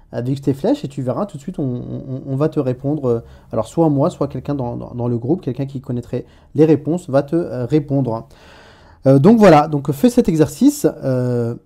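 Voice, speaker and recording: A man with a deep, dark and mellow tone walks the learner through a review lesson. He speaks informally, addressing the viewer directly, and often hesitates and restarts mid-sentence. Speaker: Arabic teacher. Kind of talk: casual online lesson.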